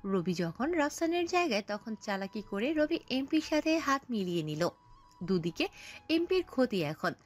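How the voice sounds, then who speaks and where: A woman narrating a scripted audio story, telling it in an expressive storytelling manner. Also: fairly high pitch, moderate pace.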